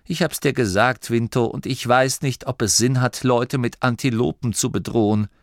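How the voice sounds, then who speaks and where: A man's voice: medium pitch, moderate pace, dry recording, voice pushed up, natural voice. A man voicing an earnest young male gnome leader, close to his own reading voice. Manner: earnest, near the reader's own voice.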